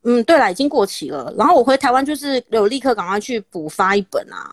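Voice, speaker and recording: A woman's voice: fairly high pitch, fast talker. A woman in her thirties with a Taiwanese Mandarin accent, hosting a podcast and telling a dramatic story in casual chat. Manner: dramatic, animated storytelling with laughs. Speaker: podcast host.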